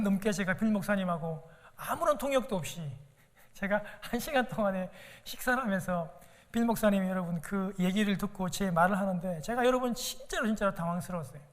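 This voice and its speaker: Guy preaching a sermon, really high voice, talks right to the congregation, church echo behind. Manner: earnest, keeps addressing the congregation directly. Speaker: pastor. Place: church sanctuary. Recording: long church-hall reverb.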